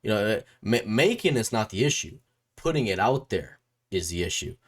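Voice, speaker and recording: A very animated, slightly rough, fairly low voice comes from a music YouTuber hosting an informal interview at normal speed. Of Puerto Rican origin or family, he rambles and repeats himself, frequently ending lines with a questioning tag.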